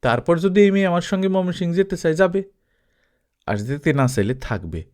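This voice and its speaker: In an audiobook story, a man voices a rich, crooked village trader who is calm, domineering and brazen, speaking colloquially and defending himself through rhetorical questions. His voice sits high and is pushed up, the pace quick, the mood brazen and dismissive.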